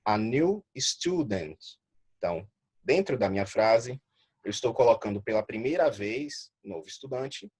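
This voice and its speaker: A man teaching an English grammar lesson. His first language is Portuguese, and he reads English examples slowly, then translates and explains them patiently. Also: fairly low pitch, darkish tone, breathy edge.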